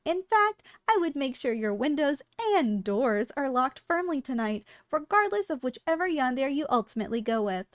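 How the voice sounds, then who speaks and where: In a scripted ASMR roleplay addressed to the listener, a woman with a high, clearly feminine, sing-song voice plays a polite, businesslike shop clerk selling dangerous yandere girls. She delivers formal, courteous sales patter with dry, matter-of-fact understatement, at normal speed with few pauses. The recording is very dry, with no echo.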